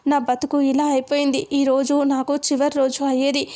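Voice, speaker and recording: A woman's voice: high-pitched, level tone, normal speed, mellow, lightly acted. A woman voicing a grieving middle-aged mother, retold plainly in her own voice. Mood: distressed.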